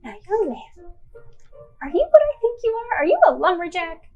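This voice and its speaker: A woman putting on a kindly old village carpenter, fussy and fond, who bubbles over with eagerness. The voice sits a bit high and quick for an old man, in the manner of a tabletop game. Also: expressive, slightly rough, narrow, tinny audio. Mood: excited. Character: kindly old male carpenter, warm and easily excited.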